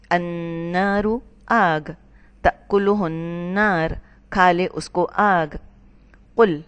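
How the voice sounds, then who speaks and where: A woman with a fairly low voice gives a word-by-word translation lesson. She names each word, then its meaning, in a slow, measured teaching manner. Her voice carries a long, ringing hall reverb. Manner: slow, deliberate word-by-word explanation.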